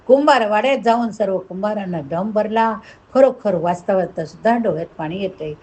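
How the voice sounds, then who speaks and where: A woman's voice: medium pitch, brisk, darkish tone. A woman reading a saint's life story aloud, with emotion and moralizing asides to her listeners. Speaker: devotional storyteller.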